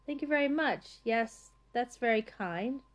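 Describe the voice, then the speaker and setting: A woman voicing a flustered, pompous middle-aged male official who talks in halting, fussy bursts in an audiobook reading. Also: a little high, lively intonation. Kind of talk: audiobook character voice.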